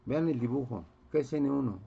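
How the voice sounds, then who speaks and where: A man's voice: medium pitch, animated, normal speed, gravelly, husky. A male physics teacher lectures step by step through a classroom lesson. He keeps checking in with his students and quizzing them as he goes. The recording sounds dull and muffled.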